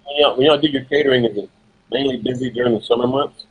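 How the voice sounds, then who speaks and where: A man hosting a relaxed talk show, asking easy questions and teasing his guest in a friendly way. His voice sits at a middle pitch. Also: fast talker, husky, phone-quality sound. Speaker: host. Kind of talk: casual chat.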